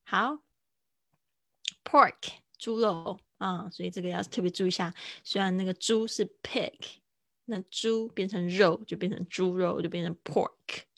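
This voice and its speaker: A woman teaching English words in a casual live-streamed lesson, chatting and repeating each word slowly to model how it sounds. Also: on the low side, fairly even intonation, creaky, no echo, studio quality. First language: Mandarin.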